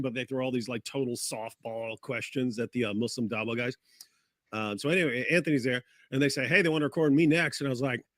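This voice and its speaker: A man talking casually as a livestream guest, telling a story at a mid pitch. He rambles and keeps restarting his sentences. The sound is close and dry. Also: a bit bright, no echo. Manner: rambling, with many restarts and fillers.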